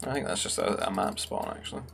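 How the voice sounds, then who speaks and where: A man's voice: fast talker, a bit bright, a little hiss or hum. A young man commentating a strategy game match in a casual, musing way, thinking aloud with fillers. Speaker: game caster.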